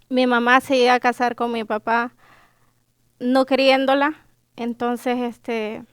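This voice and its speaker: A young woman with a Salvadoran accent recounts her life in a high, clear, smooth voice, speaking slowly. She hesitates often with fillers and restarts, emotional and fighting back tears. The sound is close and dry. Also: dry recording. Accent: Salvadoran Spanish. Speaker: guest sharing her life story. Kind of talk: personal testimony.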